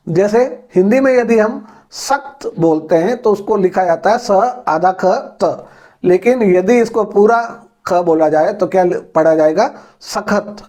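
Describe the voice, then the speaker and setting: High-voiced man teaching English. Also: a little mellow. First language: Hindi. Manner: slow, careful, explaining step by step. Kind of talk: spoken-English lesson.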